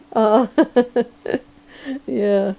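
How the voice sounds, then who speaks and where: A woman chatting casually on a livestream while drawing, hoarse and sleepy, rambling and chuckling often. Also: on the high side, warm tone, lo-fi sound. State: hoarse, losing her voice. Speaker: livestreaming digital artist.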